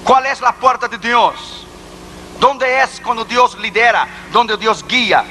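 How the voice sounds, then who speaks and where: A man's voice: extremely high pitch, takes it slowly, pushed and bright, slight background noise, poor audio. A middle-aged man preaching a sermon as an evangelist, emphatic and full of rhetorical questions.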